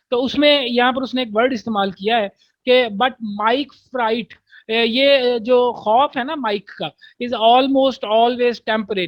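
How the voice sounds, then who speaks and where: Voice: medium pitch, no room sound. Patient teacher. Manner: reads English lines slowly, then explains them in everyday Urdu; patient, checks understanding often. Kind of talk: online class lecture.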